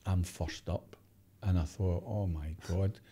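Man, Glaswegian Scottish accent, 60s, lowish voice, mellow tone, lively storyteller, casual interview guest. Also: takes it slowly, slightly rough. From Glasgow, Scotland. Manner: animated storyteller who acts out quotes and laughs often. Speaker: interview guest, former footballer.

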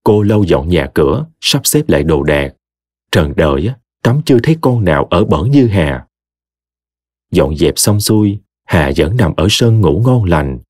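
A man narrating an audio story with an expressive, dramatic reading. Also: deep voice, measured pace, no echo, studio quality.

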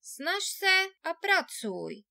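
A woman's voice: very high voice, big pitch swings, vocal fry, pushed and bright, no echo, studio quality, pitched above the performer's own voice, exaggerated voice. A woman reading a fairy tale, voicing a bald, gray-bearded old spirit who gives solemn advice.

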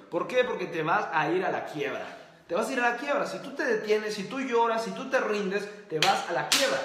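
A man hosts a motivational talk to camera, speaking emphatically, repeating key phrases and firing quick yes-or-no questions at his audience. His voice sits high with a fairly bright tone, and the sound is roomy.

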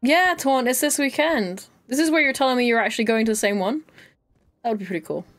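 A chatty woman with a fairly high voice talks to her viewers while she plays, close to her mic. She giggles a lot and keeps the talk loose and casual. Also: fast, faint music behind. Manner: giggly, chatty, often laughing. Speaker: streamer. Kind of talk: casual live-stream chat while gaming.

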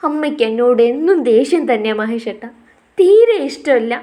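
A woman's voice: on the high side, expressive, moderate pace, warm tone, natural voice. A woman voicing a shy young wife who speaks in a pleading, emotional way. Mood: tearful.

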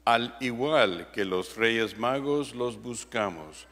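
A deacon slowly reads out parish announcements, sometimes tripping over a word. His voice sits at a middle pitch. The church's long reverb hangs behind him. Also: expressive, fairly bright tone. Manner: careful reading with small stumbles. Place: large church sanctuary. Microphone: far camera.

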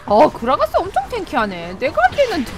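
Excitable high-voiced woman streaming a game. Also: a little fast, noisy background. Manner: excitable, yelps and laughs at plays. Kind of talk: live gameplay commentary.

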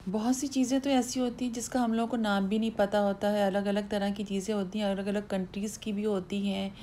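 A food vlogger guides viewers around a supermarket in a casual shopping voice-over, chatting about what's on the shelves. Her voice is medium-pitched, level and brisk, with music playing behind her.

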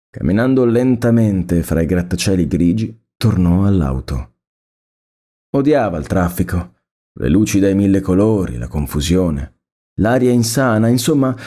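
A man narrating a story aloud in a measured, expressive reading. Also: sits low.

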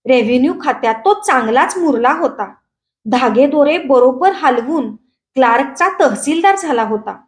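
A woman reading a short story aloud in a steady, expressive storytelling manner. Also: high voice. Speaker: story reader.

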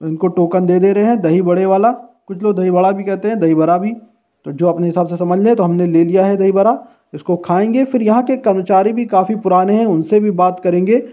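Walking through a street and into a busy food shop, a food vlogger chats away a little fast as he leads viewers along. His voice is fairly high, and the audio has a tinny, phone-like street quality.

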